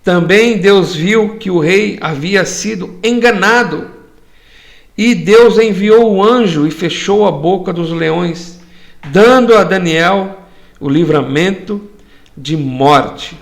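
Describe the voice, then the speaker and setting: A man's voice: high voice, slow, vocal fry. A man teaching a church Bible study, explaining words through rhetorical questions.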